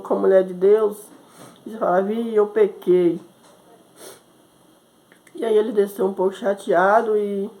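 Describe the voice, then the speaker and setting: A woman's voice: medium pitch, warm tone. A woman missionary, telling a personal testimony as a sermon, acting out the voices of the people in her story and often adding "né?". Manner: storytelling, quoting others, frequent "né?". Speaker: missionary preacher.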